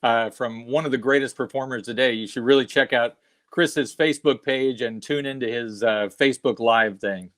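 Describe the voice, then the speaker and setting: A man's voice: medium pitch, fairly bright tone. A middle-aged man hosting an interview, chatty and full of stories, often starting over mid-sentence. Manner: chatty, storytelling, halting restarts. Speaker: show host. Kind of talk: casual interview chat.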